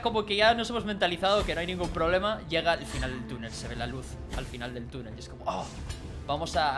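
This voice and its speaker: A streamer, casually recounting a dream in an animated, rambling way with quiet asides. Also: mid-range voice.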